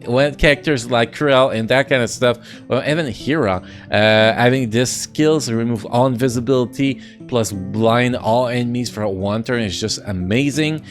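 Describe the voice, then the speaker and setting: A man with a French accent giving casual, excitable commentary on a mobile game, full of restarts and playful sound effects. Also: medium pitch, moderate pace, few pauses, faint music behind.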